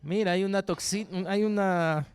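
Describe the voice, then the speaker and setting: Peruvian male pastor, lively and jokey delivery, slightly high, smooth tone. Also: normal speed. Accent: Peruvian Spanish. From Peru. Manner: animated, jokey, frequent tag questions to the congregation. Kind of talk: sermon.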